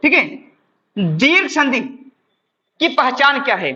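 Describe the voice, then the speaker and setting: A man teaching grammar in a bright, sharp voice whose pitch swings widely as he talks. He asks his own questions, answers them himself, and keeps checking in with "ठीक है". The recording sounds dull and lo-fi. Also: sing-song, takes it slowly. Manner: addresses viewers as friends, explains step by step. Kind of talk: exam-prep classroom lesson.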